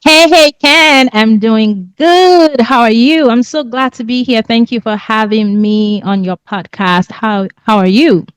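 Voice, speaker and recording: A woman born in England and raised in Nigeria, a podcast guest talking in a relaxed, thoughtful way and laughing easily. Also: fairly high pitch, measured pace, few pauses, smooth, no echo, low-quality recording. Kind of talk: casual interview.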